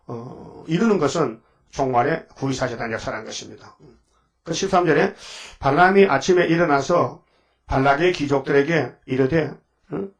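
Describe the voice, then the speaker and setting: A man preaching at a dawn service in a heated, scolding, rambling way, prodding listeners with rhetorical questions. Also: mid-range voice. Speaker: pastor.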